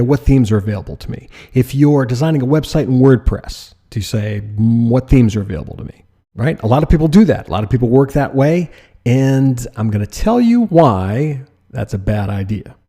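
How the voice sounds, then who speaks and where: A man's voice: mid-range voice, warm tone. A man teaching design in a direct lecture style, asking rhetorical questions and using mild sarcasm. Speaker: design instructor.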